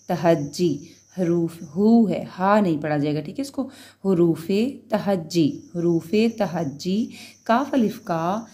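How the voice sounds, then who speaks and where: A woman's voice: lowish voice, warm tone. A woman teaching a beginners' Urdu lesson, patiently sounding out letters one at a time and checking understanding as she goes.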